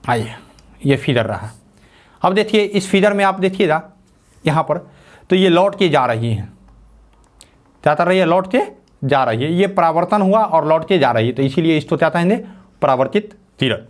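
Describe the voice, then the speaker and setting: Male teacher with a fairly high voice, dictates slowly and repeats key terms, poses questions and answers them himself. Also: expressive. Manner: slow dictation, repeats phrases, asks and answers his own questions. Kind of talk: classroom physics lesson.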